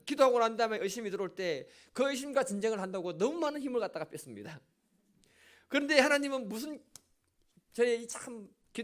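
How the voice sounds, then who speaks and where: A middle-aged male pastor preaching a sermon in a church, telling a story with asides to the congregation. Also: high voice. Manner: animated storytelling with audience asides. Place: church sanctuary.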